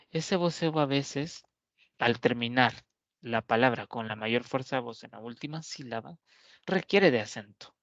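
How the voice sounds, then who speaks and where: A man teaching a grammar lesson, explaining slowly and deliberately, pausing often and checking that his listeners follow. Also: medium pitch, no echo. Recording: dull, lo-fi dry recording.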